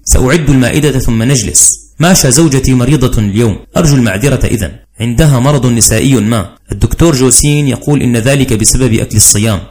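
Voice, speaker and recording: A middle-aged commander fusses, coaxes and scolds in a rapid patter, as a man reading the story puts him on. His voice swings from soft pleading to loud complaint. It suits a dramatized audiobook. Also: medium pitch, close to an everyday voice. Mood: chatty. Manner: fussy, wheedling, voice swinging between soft and loud.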